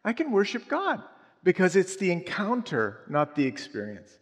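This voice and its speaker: A man in his sixties, a pastor preaching an animated, joking sermon that builds to shouts. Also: sits high, normal speed, breathy edge. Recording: long reverb in a large hall.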